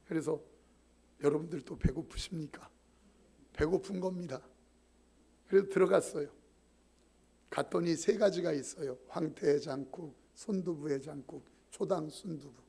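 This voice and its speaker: A man's voice: a little high, normal speed, creaky, long pauses, dark tone, husky. A male pastor preaching, telling a story animatedly and acting out voices. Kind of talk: sermon. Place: church sanctuary.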